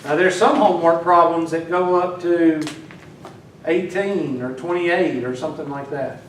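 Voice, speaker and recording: Teasing teacher in an echoey classroom. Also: male voice, a little high, fairly even intonation, measured pace. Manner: teasing, talks to students while working. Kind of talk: classroom lecture. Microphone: far from the mic. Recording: echoey classroom from far off, faint noise.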